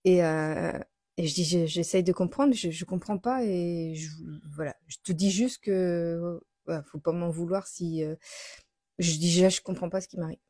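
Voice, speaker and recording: A woman's voice: lowish voice, moderate pace, dark tone, no echo, studio quality. A woman hosting a live stream, telling a personal story in a casual, confiding way with many fillers and restarts. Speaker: host of a daily live stream.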